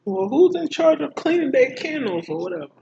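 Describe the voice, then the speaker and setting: A man's voice: extremely high pitch, very animated, fairly quick, vocal fry, highs cut off, background noise. A man co-hosting a casual eating vlog, chatting and asking teasing questions. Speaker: vlog co-host. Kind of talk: casual chat while eating.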